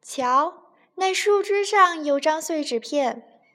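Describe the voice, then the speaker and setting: A woman's voice: high voice, expressive, slow pace, fairly bright tone, voice pushed up, exaggerated voice. A woman voicing a tall, friendly giraffe in a children's storybook, sounding curious and helpful.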